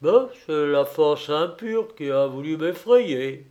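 A man doing a gruff old grandfather. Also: on the high side, lively intonation, slow pace, darkish tone, dull audio. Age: older. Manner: gruff, grumbling exclamations. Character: grumbling old peasant grandfather, gruff and stubborn.

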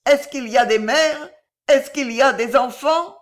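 A woman's voice: mid-range voice, lively intonation, slow, fairly bright tone. A woman voicing a haunted madwoman. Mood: dazed. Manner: hollow, muttering.

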